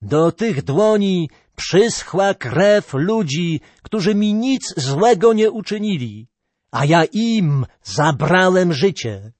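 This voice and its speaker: A man's voice: high voice, lively intonation, takes it slowly, darkish tone, no room sound, pitched above the performer's own voice, full character voice. A man voicing a lame old-robber fiddler. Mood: confessing. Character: lame ragged male fiddler, reformed robber, blunt and humble.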